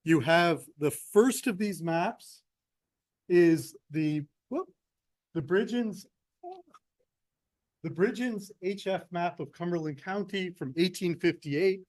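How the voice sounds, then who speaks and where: A man's voice: high-pitched, takes it slowly, pauses often, darkish tone, dry recording. A man, a professor, leading a workshop, speaking conversationally and addressing the audience directly. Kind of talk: lecture with instructions. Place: meeting room.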